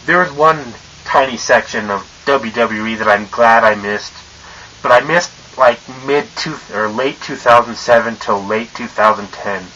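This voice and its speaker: A man's voice: mid-range voice, measured pace, bright, forceful tone, a little hiss or hum. A young man in a casual, profane vlog rant, his voice muffled by a mask he wears, rambling with lots of fillers and tongue-tied stumbles. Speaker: vlogger.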